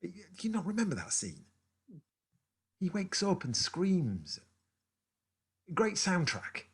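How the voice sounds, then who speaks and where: A man's voice: sits high, wildly swooping pitch, slow pace, slightly rough, exaggerated voice. An actor playing a man with a London accent who tells his partner a story in a rambling, distracted way in a naturalistic stage drama. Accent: London English. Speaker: actor in a two-hander play.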